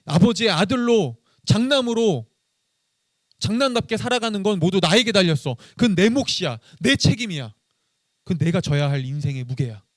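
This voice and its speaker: A man's voice: high-pitched, lively intonation, normal speed, no echo, pitched above the performer's own voice. A resentful, dutiful eldest son, as a man acts him out in a sermon, pressing his complaint in a raised, swinging voice. The delivery is insistent and bitter, recorded close and dry. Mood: stern resolve.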